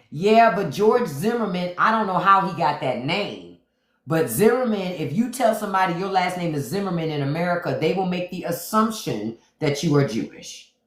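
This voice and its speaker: A woman with a lowish voice hosts a casual livestream chat from a room at home, and the sound is echoey. She speaks emphatically, repeats her points and reads viewer comments out loud.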